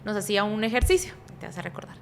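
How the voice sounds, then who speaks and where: Her mid-range voice is sing-song and racing, with slight background noise, as this Guatemalan-accented woman pastor talks casually on a podcast into a studio mic held at a distance. She rambles and cuts herself off, often ending phrases with tag questions, and says she speaks softly but energetically.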